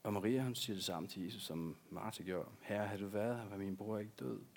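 Gravelly-voiced man preaching earnestly. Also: lowish voice. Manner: earnest, repeats key words for emphasis. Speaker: pastor. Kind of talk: sermon.

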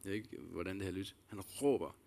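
A man's voice: deep voice, vocal fry, mellow. A man preaching a sermon, earnest and reflective, repeating key phrases and addressing listeners directly with questions. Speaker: pastor.

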